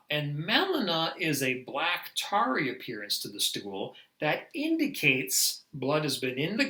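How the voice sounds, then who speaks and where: Animated man lecturing on nursing. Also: fairly high pitch, echoey room, rough recording. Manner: animated, emphatic, laughs at himself. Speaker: nurse educator. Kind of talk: medical lecture.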